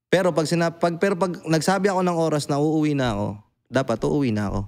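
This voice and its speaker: A young adult man hosting a casual podcast chat, animated and blunt, swearing freely and often asking "di ba?". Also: a little high, fast. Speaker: podcast host.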